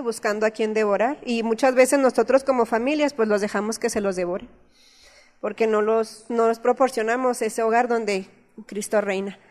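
A woman's voice: fairly high pitch, a little mellow. A woman in her thirties with a Mexican accent, giving an earnest, conversational sermon in a church, telling personal stories. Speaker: church speaker. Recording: long reverb of a church hall.

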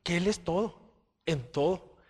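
A man's voice: high-pitched, a little slow, husky. A man giving a conversational Bible teaching, often checking in with his listeners. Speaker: church teacher.

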